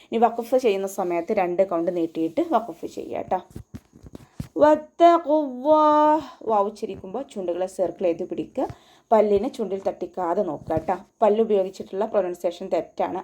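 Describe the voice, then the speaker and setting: A woman teaching an online Quran recitation class, explaining pronunciation rules patiently. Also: dark tone. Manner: explains slowly, then recites the verses in a high, drawn-out chant.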